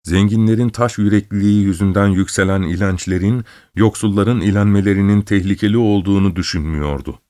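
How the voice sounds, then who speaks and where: Low-voiced man reading a story. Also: a little fast, hardly any pauses, mellow, dry recording, studio quality. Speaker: narrator. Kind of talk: audiobook narration.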